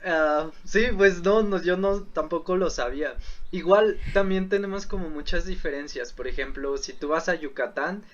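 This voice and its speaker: A man's voice: fairly high pitch, moderate pace. Mexican man on a dull lo-fi line. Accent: central Mexican Spanish. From Mexico City. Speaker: co-host. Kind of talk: casual interview chat. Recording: dull lo-fi sound.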